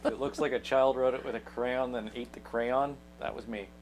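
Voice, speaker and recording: A man's voice: mid-range voice, fairly even intonation, moderate pace, a little mellow, poor audio. A man with a dry, joking manner, co-hosting and reading out viewer questions.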